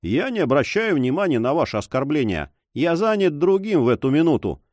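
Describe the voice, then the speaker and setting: A man's voice: fairly high pitch, sing-song, a little fast, darkish tone, no room sound. A man voicing a mocking, cool-headed sailor who talks in a sly, taunting, emphatic way in an audiobook. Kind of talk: audiobook character voice.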